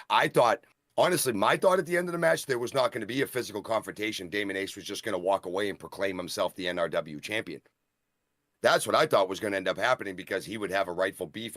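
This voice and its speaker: A man co-hosting a live wrestling review talks through a match in long, winding stretches, circling back on himself. His voice sits fairly low, and the sound is dry with little room around it. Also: a bit bright, no room sound. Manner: long rambling analysis with many restarts. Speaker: wrestling show co-host and referee. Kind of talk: casual wrestling review chat.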